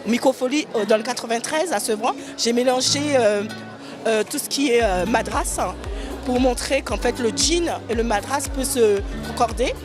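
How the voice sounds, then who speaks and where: A woman's voice: on the high side, normal speed, music in the background. A woman fashion designer and children's author, answering at length with many hesitations and fillers. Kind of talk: interview at a fashion show.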